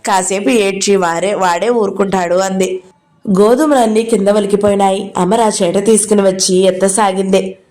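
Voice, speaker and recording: A woman reading a novel aloud as narrator, with a steady storytelling delivery. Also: medium pitch, moderate pace.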